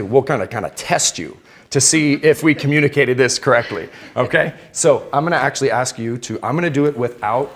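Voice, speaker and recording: A man giving a live exercise demonstration as an instructor, explaining in an informal, conversational way to participants. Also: mid-range voice. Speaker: fitness instructor. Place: indoor aerobics room with exercise bikes. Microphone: worn clip-on or headset mic.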